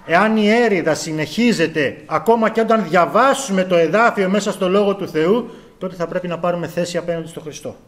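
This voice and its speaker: A middle-aged man preaching a sermon with earnest rhetorical questions and rising emphasis. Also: high-pitched.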